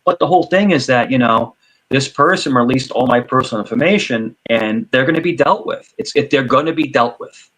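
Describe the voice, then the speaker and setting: A man chatting casually in a group, animated and repetitive, who often slips into put-on voices. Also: mid-range voice, brisk, rough recording. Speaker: host.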